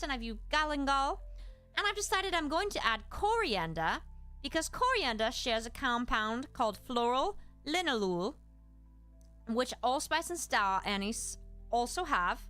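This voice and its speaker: Faint music plays behind a livestream host whose very high, lively voice carries a put-on British accent. She gives an educational lesson and answers chat, explaining politely with wide swings in pitch.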